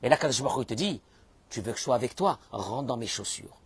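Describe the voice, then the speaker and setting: A man preaching a sermon in as a rabbi, acting out the people he quotes and suddenly bursting into shouts. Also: mid-range voice, animated, quick pace, slightly rough. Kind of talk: animated sermon.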